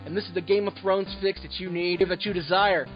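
A man's voice: sits high, steady tone, fairly quick, lo-fi sound, music in the background. A man hosting a podcast, announcing grandly in the showy manner of a circus ringmaster. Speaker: podcast host. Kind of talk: casual podcast chat opened with showman patter.

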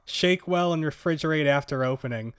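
A man's voice: a little high, fairly quick. A man hosting a podcast in casual chat, rambling with fillers and nervous laughs. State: gasping from hot sauce heat. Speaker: podcast host.

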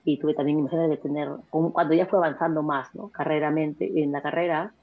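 Woman rattling on fast in an interview, husky voice, sounds like a phone line. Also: deep voice. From Peru. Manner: fast, energetic talker with many restarts and repeated words. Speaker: interview guest. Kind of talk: casual conversational interview.

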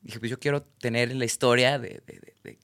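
A man's voice: mid-range voice, fairly even intonation, a little fast, fairly bright tone, dry recording, studio quality. A man with a Mexican accent, a singer-songwriter guest telling rambling, slangy anecdotes and acting out his friends' lines. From Tabasco, Mexico. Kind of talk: casual storytelling interview.

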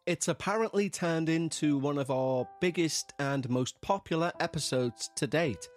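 A man hosting a podcast in a measured, polite, scripted way, speaking directly to listeners. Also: on the high side, faint music behind. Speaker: podcast host. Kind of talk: scripted host narration for a paranormal podcast.

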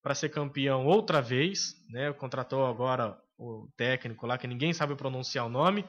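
A man with a Brazilian Portuguese accent, co-hosting a podcast in casual sports chat, opinionated and hesitant with frequent filler pauses. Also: medium pitch, fairly bright tone, dull audio. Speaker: podcast co-host.

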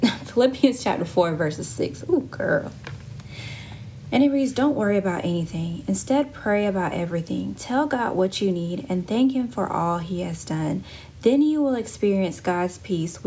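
A woman's voice: lowish voice, a little mellow, a little hiss or hum. A woman hosting a casual devotional podcast, talking earnestly with many fillers and restarts. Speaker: podcast host.

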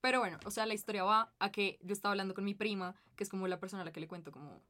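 A young woman, telling a story in animated, slangy casual chat. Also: mid-range voice, rapid-fire.

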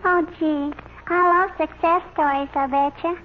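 A woman's voice: sits high, steady tone, measured pace. A woman playing a naive, eager little girl in an old-time radio comedy, talking in a childlike way and repeating herself. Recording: tinny old radio broadcast, faint hiss.

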